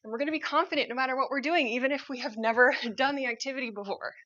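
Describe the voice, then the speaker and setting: A woman's voice: high voice, very fast, pushed and bright, muffled recording. A woman fitness instructor cueing a cardio workout while she exercises, upbeat and encouraging.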